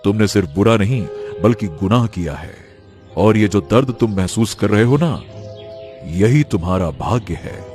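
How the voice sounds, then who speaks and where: A man voicing a wise old holy man in a cartoon, speaking slowly and solemnly. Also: lowish voice, expressive, darkish tone, soft background music, lightly acted. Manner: slow, solemn preaching. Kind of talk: cartoon voice acting.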